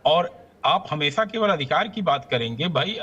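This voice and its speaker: A man speaking as a panel guest in a heated political debate, arguing forcefully with rhetorical, indignant questions. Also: fairly high pitch, expressive, normal speed, slightly rough, dull audio.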